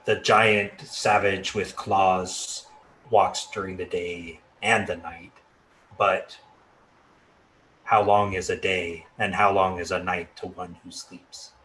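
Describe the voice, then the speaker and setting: A man voicing an ancient, sleepy elm tree spirit in a tabletop game, with a creaky, deep, very old voice and drowsy, very slow speech. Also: level tone, pushed and bright, a little hiss or hum, exaggerated voice, low-quality recording. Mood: slow, musing. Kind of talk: tabletop game role-play.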